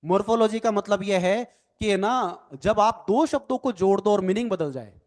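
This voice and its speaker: A man's voice: high voice, normal speed, a little mellow. A man teaching a recorded lecture as an NLP trainer, explaining step by step, spelling words out letter by letter and often adding "ठीक है ना" as a check. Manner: explanatory, repeats "ठीक है ना" tag questions; mixes English phrases into Hindi.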